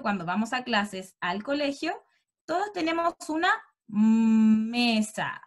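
Woman teacher, slow and patient, coaxing small children through an online lesson. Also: high-pitched. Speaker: first-grade teacher. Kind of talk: online class for young children.

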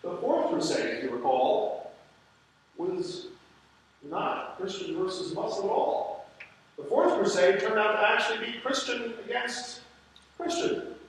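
A man's voice: high voice, a little slow, long pauses, a little hiss or hum. A man, a pastor, teaching a church history class in a church, lecturing in a conversational way with wry asides and rhetorical questions. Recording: very echoey room, voice far from the mic.

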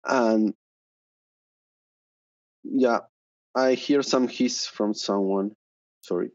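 A thirties man from Argentina speaks English with an Argentine Spanish accent, his lowish, slightly mellow voice drawing out words with no room sound. He's a panelist in a conference talk, hesitant, full of fillers and restarts, using a headset on a video call from a room at home. The video call audio sounds dull.

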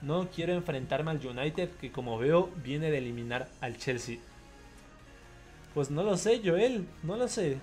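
A young man streaming a football video game live, chatty and excitable, greeting viewers by name as he plays. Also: fairly high pitch, a little slow, faint music behind. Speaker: gaming streamer. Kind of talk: live gameplay commentary with chat shout-outs.

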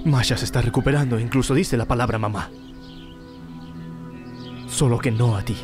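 A man's voice: medium pitch, moderate pace, music in the background, close to an everyday voice. An actor voicing an earnest young father in a dubbed film drama. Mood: hurt, firm. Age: young adult. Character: earnest young father, wounded by his wife's leaving.

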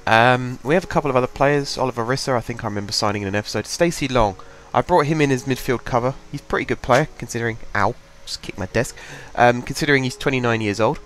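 A young gaming channel host with a head cold chats casually at his home desk mic, commentating his own game while rambling and thinking aloud. His congested voice is medium in pitch and fairly bright, and he talks fast with few pauses. A little hiss or hum sits under the recording.

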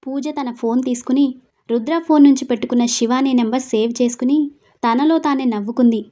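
A woman narrates a romance story in a steady, expressive storytelling manner. Her voice sits fairly high. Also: fairly quick.

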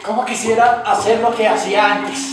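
An actor with a Colombian accent playing an anguished man tormented by his mask in confinement, in a declamatory theatrical monologue with stretched pauses. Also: sits high, flat delivery, very noisy, lightly acted. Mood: bitter longing. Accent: Colombian Spanish. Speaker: stage actor. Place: theater stage. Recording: echoey live stage, far mic, loud music.

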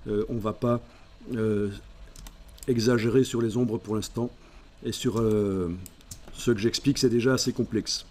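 A man speaking, explaining a software tutorial step by step and thinking aloud as he works. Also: lowish voice, steady tone, a little slow, pauses often. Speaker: software instructor. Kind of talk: screen-recorded software tutorial.

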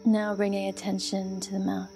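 Over music, a woman with a creaky, medium-pitched voice leads a guided yoga nidra session in a monotone. She talks softly and calmingly, using brief phrases and lingering pauses.

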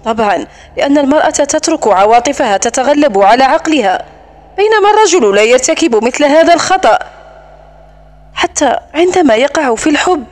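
A woman's voice: high-pitched, expressive, fairly quick. A woman voicing a proud widowed nobleman near forty, talking in a cool, condescending, lecturing way in a storybook reading.

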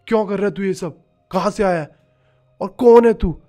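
A man voicing a stern male temple priest who shouts his questions in a commanding way. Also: high-pitched, moderate pace, soft background music, natural voice. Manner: shouting, interrogating.

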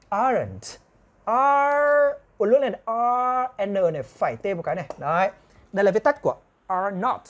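A woman teaching an online grammar lesson, explaining step by step and repeating example phrases slowly. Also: mid-range voice, darkish tone. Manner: explains step by step, often asking the viewers "right?". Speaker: English teacher.

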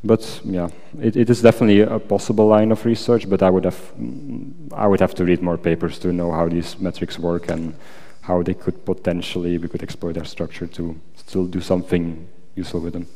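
In a large wooden lecture auditorium, with echoey, long-reverb acoustics, a PhD candidate fields examiner questions at a thesis defense. His low-pitched, warm voice is fairly quick with little pitch movement and hardly any pauses, and his answers are hesitant, hedged with many qualifications.

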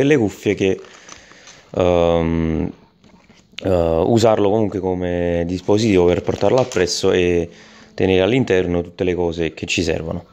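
Male gadget reviewer, deep register, halting delivery full of "eh" and restarts. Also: darkish tone. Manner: hesitant, many fillers and restarts. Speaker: tech product reviewer. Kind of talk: unscripted product review voice-over.

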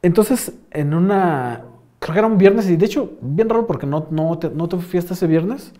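Young Mexican man, casual podcast host; slightly high, mellow voice; rambling storyteller with lots of slang and fillers. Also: expressive, moderate pace.

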